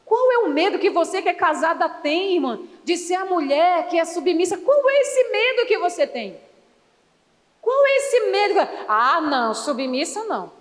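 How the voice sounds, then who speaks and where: Brazilian woman preacher, high voice, playful, church hall with long reverb. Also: expressive, moderate pace. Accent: Brazilian Portuguese. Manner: playful, calls for congregation responses. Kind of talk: sermon.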